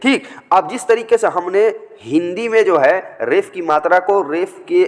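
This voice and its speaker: A man teaching a reading lesson, patiently repeating words and sounding out syllables slowly. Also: high-pitched, big-room sound.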